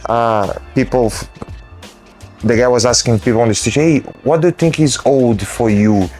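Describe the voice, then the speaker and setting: Halting non-native man in his thirties. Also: medium pitch, darkish tone, faint music behind. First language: not English. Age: 30s. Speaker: podcast host. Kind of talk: casual interview chat.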